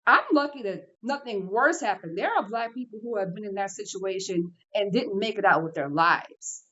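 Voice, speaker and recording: A woman's voice: a little high, a bit bright, dull audio. A woman, a podcast guest telling a painful personal story in earnest, emotional words, with many fillers. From New Orleans, Louisiana. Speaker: podcast guest, app creator.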